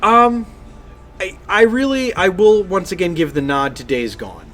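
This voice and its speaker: A man co-hosts a video game podcast in casual chat, his high voice animated and fairly bright though a little slow. He speaks emphatically and effusively, repeating phrases for stress.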